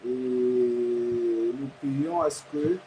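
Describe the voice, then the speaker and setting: A man from Kinshasa with a Congolese French accent, speaking as a guest commentator in a halting way and often repeating words. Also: medium pitch, fairly even intonation, dark tone, a little hiss or hum, poor audio.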